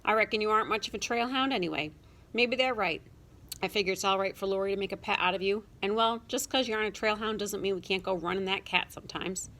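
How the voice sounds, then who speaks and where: A woman's voice: mid-range voice, fast, fairly bright tone, lightly acted. A woman voicing an earnest, kind young farm boy in a storybook, with folksy country talk. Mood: tender.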